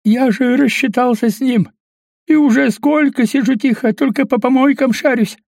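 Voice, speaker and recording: A man reading an audiobook and voicing a cowardly, frightened homeless scavenger who pleads in a high, rising voice. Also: animated, normal speed, darkish tone, no echo, clean studio sound. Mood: terrified pleading.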